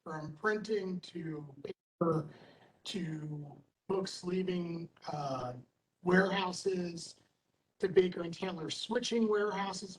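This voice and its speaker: A man who is a library director, talking in an enthusiastic, talkative way at a meeting and over a video call, often breaking off his phrases. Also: a little high. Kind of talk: meeting discussion. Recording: distant mic with faint noise.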